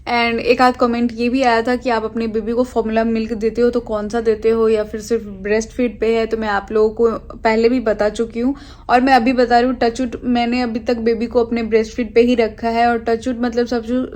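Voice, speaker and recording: A young woman talks to camera in a relaxed, rambling way, filling gaps with hesitant pauses as she catches her viewers up. Her voice sits a little higher than average. She sounds like a lifestyle vlogger in casual conversation. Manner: chatty, rambling, with frequent hesitations.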